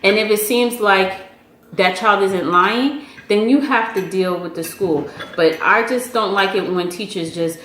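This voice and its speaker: A woman's voice: medium pitch, a little slow, fairly bright tone. A woman giving parenting advice in a casual family chat, motherly and direct. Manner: motherly, advising, teasing. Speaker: parent and vlog host. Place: home room at a meal. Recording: echoey room with faint noise.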